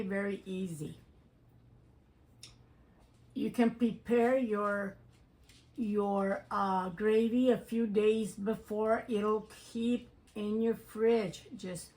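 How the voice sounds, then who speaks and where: A woman with a mid-range, darkish voice hosts a casual cooking vlog on her channel, chatty and affectionate with viewers she calls "you guys" and "my doves." She hums aloud as she tastes and savors the food while eating.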